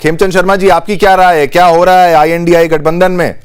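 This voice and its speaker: A male TV anchor moderating a panel debate in a somewhat high voice. He presses each guest with pointed questions and keeps up quick hums of assent while they answer. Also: level tone, smooth.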